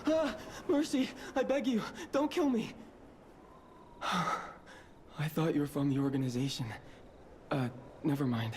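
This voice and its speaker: A man's voice: medium pitch, steady tone, unhurried, a little hiss or hum, close to an everyday voice. A man playing a nervous, jittery alchemist in a video game, rambling and stammering as he talks. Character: nervous jittery male alchemist posing as pharmacist.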